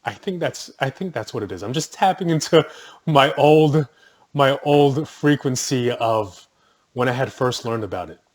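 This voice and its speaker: A man's voice: medium pitch, animated, moderate pace, dry recording. A man giving a casual, conversational talk about a supplement. He corrects himself mid-sentence and adds offhand asides. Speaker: wellness vlogger. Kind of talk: casual product talk to camera.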